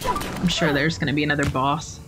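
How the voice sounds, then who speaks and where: Game music runs underneath as a woman streamer gives offhand let's-play commentary, wandering from topic to topic and joking at her own expense. She speaks fairly fast in a low-pitched voice with fairly even intonation.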